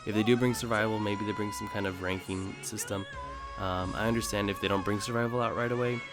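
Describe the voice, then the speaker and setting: Thinking aloud over his gameplay footage, a man hosting a gaming video speaks fast in a fairly low, fairly even voice. His off-the-cuff talk is hesitant and rambling, and music plays underneath.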